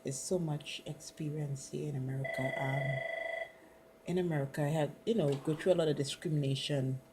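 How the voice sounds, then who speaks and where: A middle-aged Caribbean woman, a student interviewer, chats casually with her partner and leans heavily on "you know." Her voice is low-pitched and steady, a little fast, with heavy background noise behind it.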